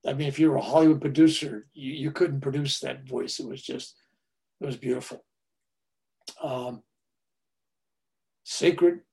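A man animatedly telling a personal story in casual talk, swinging from loud to hushed. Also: mid-range voice, gravelly.

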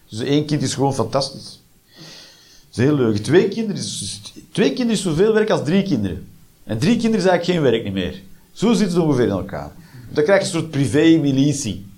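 Animated stand-up comedian, man. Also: mid-range voice. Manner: deadpan dark jokes mixed with sudden shrieking voices.

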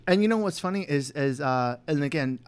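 A man's voice: fairly high pitch, lively intonation, fairly quick, clear, resonant tone. A young man talking candidly on a podcast, rambling with lots of "you know" and restarts. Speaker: podcast co-host. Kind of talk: candid personal chat.

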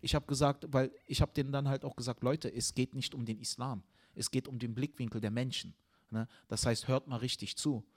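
A young man, a comedian hosting the show, chatting casually and telling a story with animated energy, getting loud when riled. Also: mid-range voice, fairly quick. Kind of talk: casual chat.

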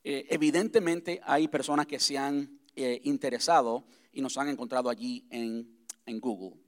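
A man speaking as pastor to his congregation in a church, talking conversationally and repeating key points slowly. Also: mid-range voice, steady tone. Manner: conversational, repeats himself, slows to spell things out. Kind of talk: church vision address to congregation. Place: church sanctuary.

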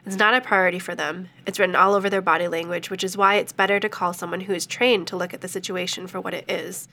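A woman working in social services, speaking firmly and in a measured way in an interview. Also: on the low side, little pitch movement, sharp tone.

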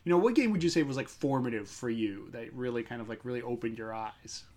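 A middle-aged man hosts a casual podcast chat, speaking quickly in a medium-pitched, darkish voice. He sounds hesitant, filling his talk with "uh" and frequent restarts.

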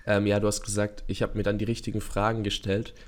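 A young man around twenty speaks as a guest in a podcast interview, earnest and eager, running his thoughts together with plenty of fillers. His voice sits fairly low. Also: completely flat delivery, fast, a little mellow. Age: young adult. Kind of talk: casual interview talk.

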